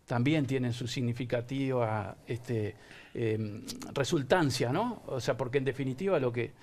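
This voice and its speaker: A man's voice: medium pitch, measured pace, darkish tone, slight background noise. A middle-aged man, a guest on a TV studio talk show, rambling with many fillers and restarts. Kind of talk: casual interview answers. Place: TV studio set.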